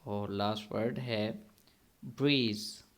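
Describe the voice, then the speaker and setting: A man teaching English pronunciation to children in an online class, saying words slowly and repeating them for the pupils to echo. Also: lowish voice, steady tone, vocal fry.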